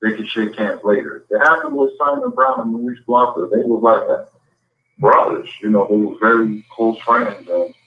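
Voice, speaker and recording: A man's voice: lowish voice, moderate pace. A man calling in as a guest on speakerphone, sounding faint and far away, talking loosely with lots of fillers. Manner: loose, filler-heavy talk. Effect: faint, faraway speakerphone sound. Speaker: guest boxing commentator. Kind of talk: casual call-in chat. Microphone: phone on speakerphone. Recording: echoey, distant, dull remote call.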